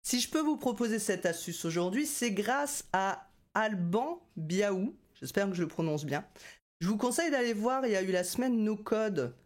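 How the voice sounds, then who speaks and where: A woman, a company director and no-code trainer, giving a chatty screen-share software tutorial with many fillers, talking straight to viewers. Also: medium pitch, animated, normal speed.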